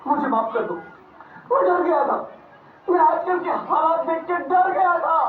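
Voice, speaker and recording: A woman's voice: very high voice, expressive, a little slow, some chatter behind, a little hiss or hum. A woman playing a remorseful young husband. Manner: pleading, emotional. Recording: echoey room from far off, tinny phone-like sound.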